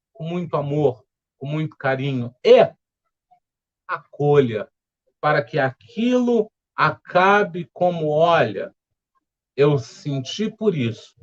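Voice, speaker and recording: Slow, calm Brazilian man teaching. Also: on the high side, dull audio. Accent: Brazilian Portuguese. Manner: calm, gentle, explanatory. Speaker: leader of a spiritual study group. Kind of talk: reflective spiritual study talk. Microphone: home setup with earphones.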